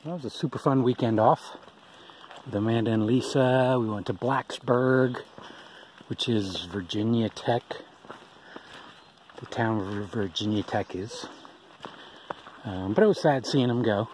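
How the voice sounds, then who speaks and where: A man's voice: medium pitch, a little slow, pauses often, a little mellow, low-quality recording. A middle-aged man vlogging while hiking a long trail, talking in a rambling, casual way with plenty of ums and uhs. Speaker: thru-hiker vlogger. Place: outdoors on a forest trail. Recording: outdoor noise behind the voice.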